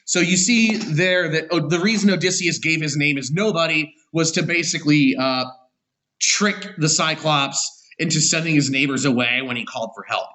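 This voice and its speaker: Bright-voiced male teacher, halting. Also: on the high side. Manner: unscripted, many "uh" and "um" fillers, self-corrections. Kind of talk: online class lecture, summarizing a story.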